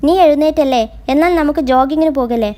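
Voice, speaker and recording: Woman voicing a calm, teasing young boyfriend. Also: high voice, fast talker, natural voice. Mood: tender. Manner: gentle, reassuring, quietly playful.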